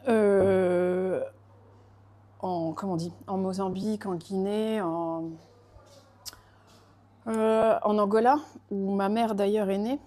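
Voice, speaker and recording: Hesitant woman pastry chef, mellow voice. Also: medium pitch, fairly even intonation, takes it slowly, pauses often. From France. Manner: hesitant, many fillers and restarts. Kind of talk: casual conversation.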